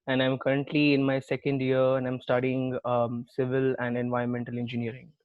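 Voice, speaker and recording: Twenties guy on a panel, smooth clear voice but tinny and dry like a phone. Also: mid-range voice, completely flat delivery, a little fast, no room sound. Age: 20s. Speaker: student panelist.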